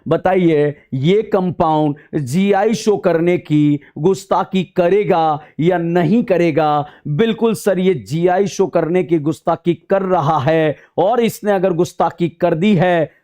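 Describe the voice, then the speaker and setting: A man teaching a chemistry lecture in a playful, sing-song way, teasing his students and slowly stretching out key words on his phrases. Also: sits high, mellow. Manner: addresses students with teasing nicknames.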